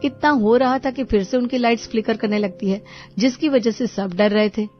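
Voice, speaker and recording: A woman narrating an animated storybook in a steady, storytelling manner. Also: fairly high pitch, moderate pace. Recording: dull lo-fi audio with music.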